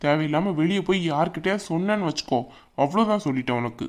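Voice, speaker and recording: A woman's voice: deep voice, lively intonation, quick pace, a little mellow. [name], a woman voicing a blustering cartoon husband. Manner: blustering, threatening. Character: bullying young husband, now cowed. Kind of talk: cartoon voice acting.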